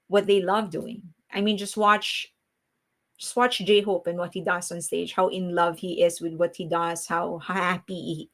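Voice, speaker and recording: A woman from the Philippines hosts a live stream, chatting casually with her viewers in a Filipino accent, laughing often and restarting her sentences. Her voice is lowish and a bit bright.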